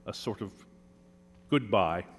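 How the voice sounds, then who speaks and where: A man's voice: on the low side, expressive, slow, creaky, long reverb tail, slight background noise, full character voice. A man playing a pedantic poet's ghost. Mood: earnest. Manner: hesitant, pedantic, explains poetic meter at length. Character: old male poet's ghost back from heaven. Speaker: witness. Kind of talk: staged mock trial testimony.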